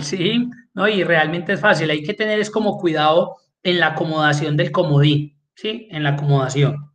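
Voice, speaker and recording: With a somewhat bright voice on the high side, a man leads an online spreadsheet lesson. As the course instructor, he takes his students through each step and keeps checking in with them.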